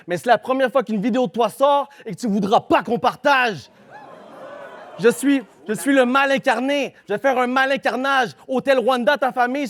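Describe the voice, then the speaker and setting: High-voiced Québécois battle rapper. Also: male voice, a bit bright. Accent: Québécois French. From Quebec. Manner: aggressive rhymed delivery, punchy and confrontational. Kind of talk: live battle rap performance.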